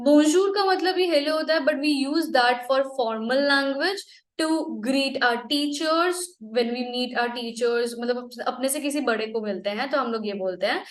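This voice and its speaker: A young Indian woman teaching French in a relaxed online lesson that mixes Hindi and English, with drawn-out explanations, tag questions and frequent laughs. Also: high voice, reverberant.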